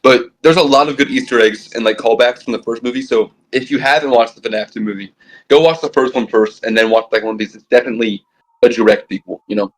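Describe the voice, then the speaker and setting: Fast-talking young man on low-quality phone audio. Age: young adult. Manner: quick, excitable, many restarts. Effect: low-quality phone recording of a stream. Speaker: podcast co-host. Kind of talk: casual fan podcast chat.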